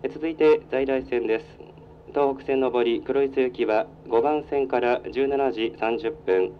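Over the public address speaker inside a moving train, a male conductor makes a formal, polite, procedural onboard announcement. Captured from the carriage speaker, his voice is muffled, with rumbling train running noise underneath.

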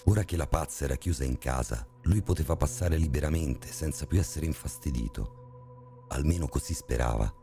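Male horror narrator, very deep and mellow, expressive storytelling. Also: moderate pace. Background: soft background music.

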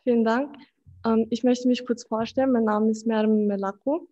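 A young woman of eighteen reads her prepared statement at a podium microphone in a conference room. Her voice is somewhat high but mellow and soft, and she keeps it flat and even. The recording sounds a little dull. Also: normal speed. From Austria. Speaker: student speaker at a press conference.

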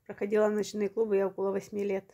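A woman around fifty from Ukraine, telling a long personal story in a vlog, unhurried and matter-of-fact, slightly short of breath. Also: mid-range voice, monotone, warm tone. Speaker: vlogger.

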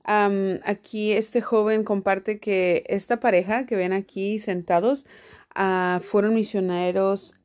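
A woman's voice: medium pitch, fairly even intonation, takes it slowly, darkish tone. A woman giving casual commentary over a video clip, restating each line in her own words. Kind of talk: casual commentary and live translation.

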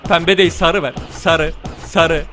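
High-voiced excitable gaming commentator man. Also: a little slow, soft background music. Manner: excitable, jokey, bursts into shouts and laughs. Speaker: gaming YouTuber. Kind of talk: casual gameplay commentary.

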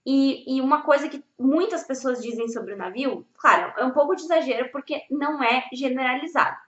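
Blunt, high-voiced woman teacher. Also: brisk. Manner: blunt, swears, emphatic. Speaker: Spanish teacher. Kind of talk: casual vlog lesson. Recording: echoey room, slightly dull audio.

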